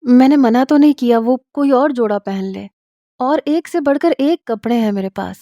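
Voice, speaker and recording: A woman voicing a sharp, defiant young wife in a spoken story, cutting in tone. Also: on the high side, dry recording, muffled recording, voice pushed up, lightly acted. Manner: indignant, cutting.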